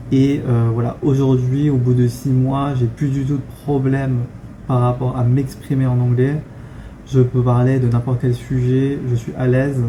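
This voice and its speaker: Frank young man with a dark voice. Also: mid-range voice, slight background noise. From France. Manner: conversational, frank, many fillers and restarts. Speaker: vlogger. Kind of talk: casual talking-head vlog.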